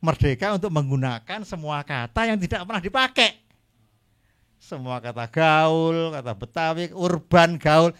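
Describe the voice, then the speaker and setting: An older man, an author guest at a book talk, chatting in a relaxed way, laughing often and trailing off his sentences. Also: a little high, a little slow, smooth.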